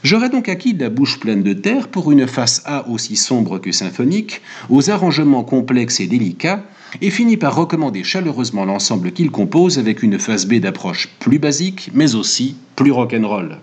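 A man reading his book review aloud in a wry, animated way. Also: medium pitch, normal speed, husky.

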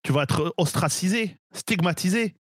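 A man's voice: high voice, moderate pace, dry recording, clean studio sound, pitched above the performer's own voice. Man playing a smug needling coworker. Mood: mocking. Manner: mocking, sly remarks. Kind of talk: live improv comedy scene.

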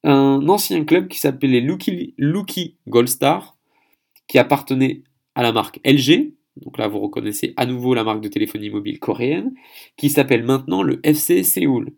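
A man's voice: mid-range voice, moderate pace, vocal fry, a little mellow. A man from France hosting a solo podcast, explaining at length and thinking aloud, often correcting himself mid-sentence. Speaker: podcast host.

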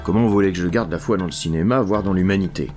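Low-voiced sardonic man reviewing films. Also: very fast, darkish tone, faint music behind. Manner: sardonic, exasperated. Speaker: film reviewer. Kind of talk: comic spoken film review.

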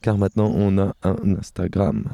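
A man's voice: low-pitched, normal speed, creaky, dark tone, no room sound. A man from co-hosting a podcast, chatting casually and teasing, often laughing. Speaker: podcast co-host. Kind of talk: casual chat.

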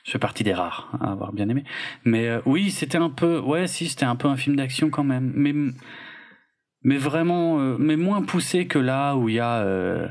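A man's voice: mid-range voice, animated, normal speed. A man casually reviewing films with a co-host, rambling and laid-back, with plenty of hesitations. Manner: rambling, laid-back, lots of filler and hedging. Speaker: podcast co-host. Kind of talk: casual film review chat.

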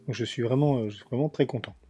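A man's voice: mid-range voice, fast, warm tone, dull audio, soft background music. A man joining a podcast as a guest, stammering and repeating his words.

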